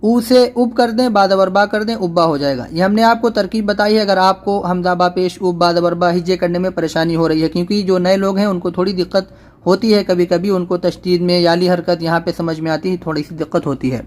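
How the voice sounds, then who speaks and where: A high-voiced man leads a beginners' Quran reading lesson. He is patient and repeats each spelling slowly and firmly. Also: fairly even intonation. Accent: Urdu. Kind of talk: step-by-step recitation lesson.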